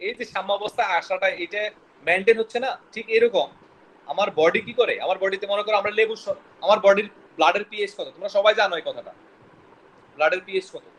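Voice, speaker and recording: A biology teacher lectures at a quick clip in a high, somewhat bright voice, frequently quizzing students and stumbling over technical words. Faint room ambience and slight background noise sit behind him in a low-quality recording.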